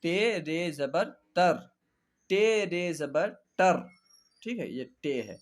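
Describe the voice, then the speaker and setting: Man, language teacher, slow spelled-out reading drill, patient and repetitive, slightly high voice. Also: animated. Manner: patient, repeats and spells out each syllable. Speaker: Urdu teacher.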